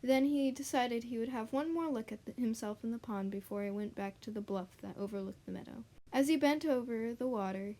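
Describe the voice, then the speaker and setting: A woman reads a children's storybook aloud in a gentle, expressive way. Her voice sits slightly high and keeps a steady storytelling rhythm.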